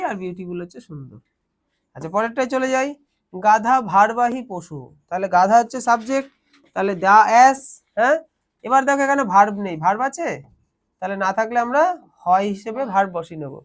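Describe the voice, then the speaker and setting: A man teaching a grammar lesson in a classroom, explaining step by step and quizzing his students as he goes. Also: high voice.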